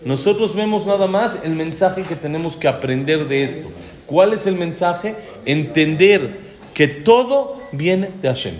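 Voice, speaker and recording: A man, giving a religious lecture as a rabbi, who explains verses slowly, translates them and adds touches of humor. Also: fairly high pitch, expressive. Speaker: rabbi teaching a class.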